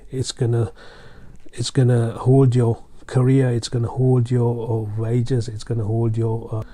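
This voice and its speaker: Here a Sri Lankan man teaches English in an easygoing, conversational style, addressing learners directly with plenty of encouragement. Frequent "uh"s and "um"s pepper his speech as he says things again and again, all in a deeply dark, mellow voice at an ordinary male pitch.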